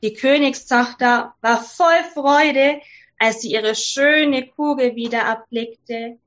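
Slow, high-voiced woman reading a fairy tale. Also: dull audio. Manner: slow, gentle and clearly spoken for children. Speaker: storyteller for children.

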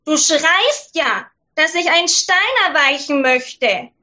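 A woman's voice: high voice, expressive, slow pace, pushed and bright, voice pushed up, full character voice. A woman voicing a male frog who bargains with a princess in a read-aloud fairy tale. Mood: coaxing.

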